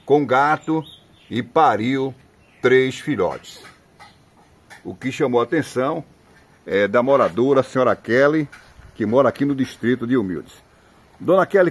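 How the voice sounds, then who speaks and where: A man's voice: medium pitch, breathy edge. A man from working as a field reporter, introducing a local resident and questioning her outdoors.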